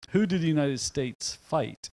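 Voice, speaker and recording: A man's voice: on the high side, expressive, measured pace, creaky, warm tone, slight background noise, poor audio. A man acting as quiz master on a talk show, reading multiple-choice trivia questions with a playful, jokey manner.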